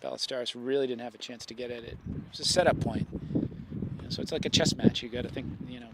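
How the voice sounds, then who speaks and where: A man's voice: mid-range voice, steady tone, quick pace, vocal fry. A man, a coach, giving casual play-by-play commentary on a school tennis match outdoors, chatty and full of praise for the shots. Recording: faint outdoor background noise.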